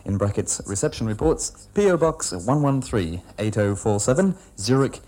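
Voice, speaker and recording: A man's voice: mid-range voice, very animated, normal speed, dark tone. A man presenting on radio, addressing listeners in a polite, formal way. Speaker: radio announcer. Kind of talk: presenting a radio test transmission.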